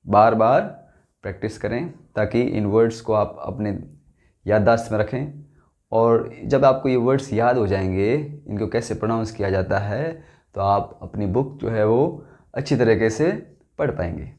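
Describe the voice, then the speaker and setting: A man teaching English pronunciation in Hindi, slowly repeating each word for learners to echo back. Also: fairly low pitch, darkish tone. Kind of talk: pronunciation drill lesson.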